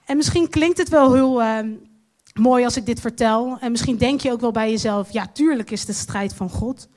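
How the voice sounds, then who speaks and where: High-voiced woman preaching a sermon. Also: darkish tone. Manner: earnest, slows down to stress key lines.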